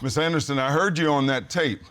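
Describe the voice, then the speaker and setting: A man's voice: on the high side, brisk, fairly bright tone. A man presiding as a TV court judge, questioning people in a firm, direct and folksy way.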